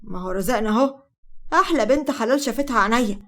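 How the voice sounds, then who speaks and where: A woman voicing a sly, smooth-talking man with an Egyptian Arabic accent who flatters and charms. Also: fairly high pitch, racing, natural voice. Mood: flattering.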